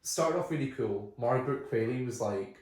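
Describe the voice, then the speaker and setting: A man co-hosting a podcast, telling stories in an animated, casual way with quick asides. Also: medium pitch. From United Kingdom. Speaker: podcast co-host. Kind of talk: casual film chat. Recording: echoey room.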